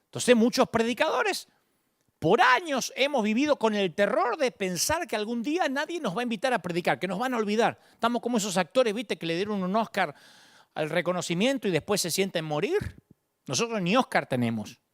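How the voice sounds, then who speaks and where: Preacher, male, fairly high and animated voice, dramatic delivery, dry sound. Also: brisk, no echo. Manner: dramatic, shifts from booming calls to hushed murmurs. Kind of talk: sermon.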